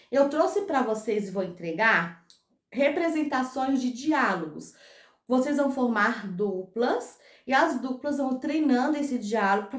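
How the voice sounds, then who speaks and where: A young Brazilian woman teaching an English grammar lesson, slowly modeling phrases and checking in with patient reassurances. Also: a little high. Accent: Brazilian Portuguese. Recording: echoey room.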